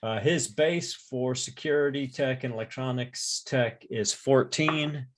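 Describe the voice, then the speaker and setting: A man's voice: medium pitch, a little slow. Guy at the table, medium voice, walks through his rolls step by step. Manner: methodical, explains his rolls and reasoning. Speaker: player. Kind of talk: casual tabletop play.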